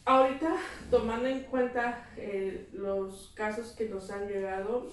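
A woman's voice: mid-range voice, fairly even intonation, unhurried. A middle-aged woman talking earnestly about parenting, explaining and acting out what children say. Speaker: child therapist guest. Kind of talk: casual conversation. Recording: echoey room, mic at a distance.

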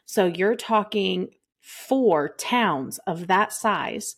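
A woman from Texas co-hosts a podcast, speaking very slowly in a medium-pitched, animated, slightly rough voice. She rambles casually, laughs often and uses lots of fillers.

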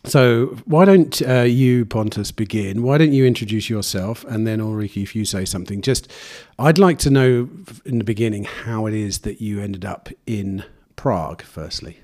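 A man's voice: fairly low pitch, moderate pace, few pauses, a little mellow. A man hosting an interview podcast, asking friendly, loosely worded questions that trail off and restart. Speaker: podcast host. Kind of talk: conversational interview.

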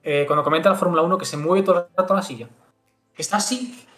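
A young man from Galicia co-hosting a podcast, animated and jokey, gesturing as he talks. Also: high-pitched, quick pace. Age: young adult. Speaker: podcast co-host. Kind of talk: casual chat. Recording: roomy echo with faint music.

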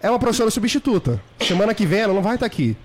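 Fast-talking young man telling a story. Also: high-pitched. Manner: animated, acts out voices and shouts in his stories; laughs often while telling. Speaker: podcast guest. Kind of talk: casual storytelling.

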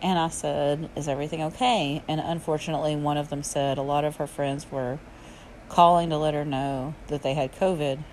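Low-voiced woman with a Southern drawl. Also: steady tone, moderate pace, a little mellow, a little hiss or hum, low-quality recording. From Alabama, southern United States. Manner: southern drawl with regional slang. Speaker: podcast host and yoga and fitness teacher. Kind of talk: chatty solo podcast talk.

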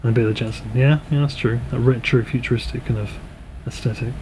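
A man's voice: medium pitch, fairly even intonation, fast talker, background noise. Dry-humored man on a podcast. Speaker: podcast co-host. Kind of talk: casual chat.

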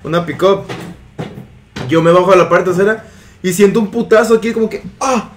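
A man's voice: high-pitched, fairly quick, a little hiss or hum. A young man with a Mexican Spanish accent telling a slangy story to his friends, laughing and acting out the people in it. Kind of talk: casual storytelling among friends.

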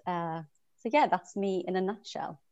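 Halting woman who stammers. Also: lowish voice, a little mellow, muffled recording. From South Wales. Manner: halting, with frequent fillers. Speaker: guest novelist. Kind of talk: casual conversation.

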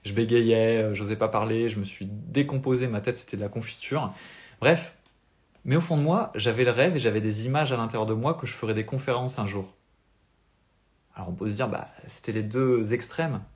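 A man's voice: fairly low pitch, brisk. A young French man with a French accent, a spiritual life coach giving an earnest, motivational talk on a live stream without notes.

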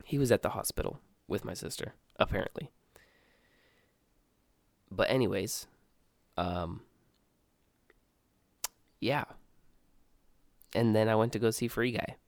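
Creaky young man, rambling podcast chat. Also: fairly low pitch, measured pace, long pauses, darkish tone, no room sound. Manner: loose and chatty, calls his co-host dude, often restarts his sentences. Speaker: podcast co-host. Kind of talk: casual chat.

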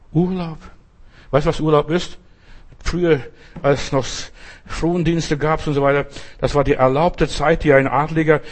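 A man preaching a sermon, repeating key phrases and slowing down to stress them. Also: on the high side.

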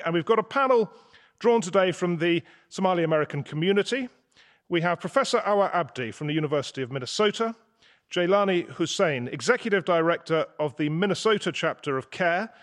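A man hosting a radio news programme in front of a live audience, guiding the panel with brisk questions. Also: fairly high pitch, fairly bright tone. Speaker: host. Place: college hall with live audience.

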